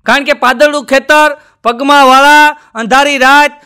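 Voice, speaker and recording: A man's voice: very high-pitched, steady tone, moderate pace, pushed and bright. A man with a Gujarati accent telling jokes on stage in a chatty way, often turning to the audience as "sir". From Gujarat, India. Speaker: stand-up comedian. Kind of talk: stand-up joke telling.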